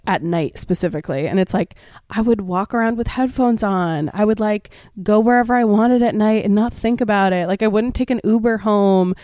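A woman co-hosting a casual chat, earnest and quick to laugh between points. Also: medium pitch, mellow, no echo, studio quality.

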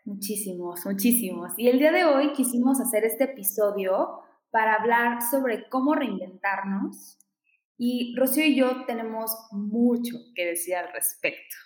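A woman's voice: a little high, lively intonation, measured pace. A woman from Veracruz with a Mexican Spanish accent, hosting a podcast in an upbeat, casual chat. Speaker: podcast host. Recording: roomy echo.

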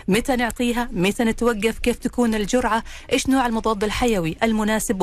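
A woman presenting as a public radio host, articulate and structured, addressing listeners directly. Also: medium pitch. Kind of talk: public radio host presenting a live medical call-in show.

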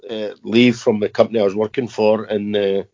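A man in his fifties speaks in a fairly low voice, pausing often and repeating words as he answers questions. The audio is muffled and lo-fi, as on a remote interview recording. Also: level tone, darkish tone. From Scotland. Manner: halting, repeats words, many "uh" fillers. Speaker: guest, army veteran. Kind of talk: casual interview.

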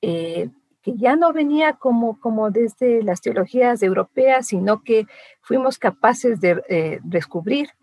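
A woman's voice: a little high, lively intonation, unhurried, a little mellow, no echo. Latin American woman interviewing, dry close sound. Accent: Latin American Spanish. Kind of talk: thoughtful interview questions.

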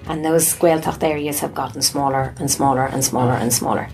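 A woman's voice: rumbling low, fairly even intonation, a little fast, a little mellow, soft background music. A woman with a west of Ireland accent, chatting and giving her opinions in a casual interview. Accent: west of Ireland (Galway). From Galway, west of Ireland. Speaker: interview guest, conference interpreter.

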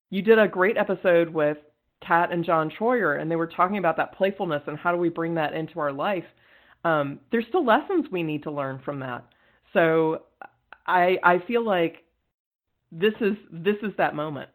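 A woman talking as a guest on a podcast, in an earnest, energetic way and quick to laugh. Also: lowish voice, poor audio. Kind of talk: casual interview conversation.

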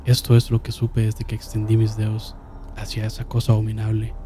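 A man narrating a horror story in a slow, solemn manner, dropping to a hush and swelling again. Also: lowish voice, monotone, background noise. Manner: slow, solemn, with hushed drops and sudden swells. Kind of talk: dramatic horror story reading.

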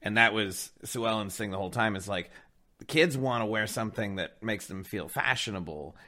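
A man who is a podcast guest talks eagerly about a film. His voice sits somewhat low. He speaks casually and with enthusiasm. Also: fairly quick, bright, forceful tone. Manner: enthusiastic, quotes lines.

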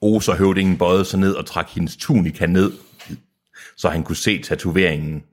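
A man's voice: low-pitched, steady tone. A man co-hosting a podcast, reading a novel aloud and breaking off for joking asides. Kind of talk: reading aloud with casual chat.

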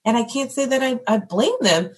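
An emphatic woman panelist talks with sardonic energy. Her voice swoops up and down in a lively way and has a husky edge. She sounds like a teacher driving a point home in casual talk. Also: a little high, normal speed. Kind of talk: casual political discussion.

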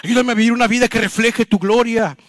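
A man's voice: very high voice, fairly even intonation, quick pace, slight background noise. A man preaching an earnest sermon in a church, often calling the listeners brother and repeating words as he restarts.

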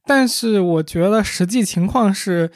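A man's voice: high-pitched, measured pace, dry recording, clean studio sound. A man co-hosting a casual conversation, reasoning through points analytically with examples. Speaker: podcast co-host.

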